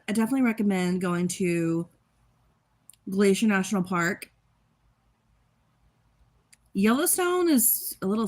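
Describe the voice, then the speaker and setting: A woman's voice: mid-range voice, darkish tone. A young woman from Texas chatting casually on a livestream, rambling and laughing, just woken up and eating while she talks. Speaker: livestream host.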